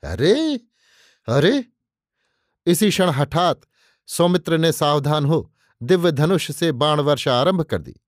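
A man's voice: on the high side, unhurried, dry recording. A man narrating an audiobook in a vivid, declamatory storytelling style, close on the mic. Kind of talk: dramatic scripted narration.

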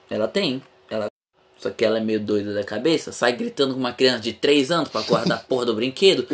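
A young man, chatting casually on a podcast. He rambles, swears freely and speaks with a very lively, swinging pitch. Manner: rambling, frank, swears freely, often laughs. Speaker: podcast host.

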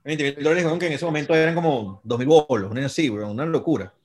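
A man with a Venezuelan accent telling casual, rapid, slang-filled anecdotes as a concert promoter. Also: a little high. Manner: rapid, slangy, profanity-laced. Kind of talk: casual storytelling.

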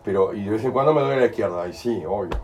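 A man's voice: on the low side, quick pace, a little mellow, faint music behind, low-quality recording. A man with a Uruguayan Spanish accent leading an in-person healing talk, explaining with acted everyday examples and frequent checks for understanding. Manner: colloquial, explains with acted examples and asks ¿entendés?. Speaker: healing workshop leader. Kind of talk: in-person talk to a small group.

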